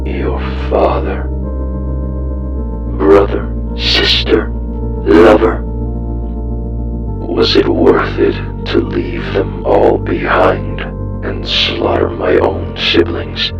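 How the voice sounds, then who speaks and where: Merciless machine automaton, robotic grinding filter, roomy and lo-fi with music behind. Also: male voice, extremely low pitch, gravelly, voice pushed down, exaggerated voice. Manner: slow, threatening, grinding delivery. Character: menacing male robot automaton, cold and merciless. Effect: robotic layered voice filter, clockwork-like grinding. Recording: roomy, distant, dull lo-fi with music.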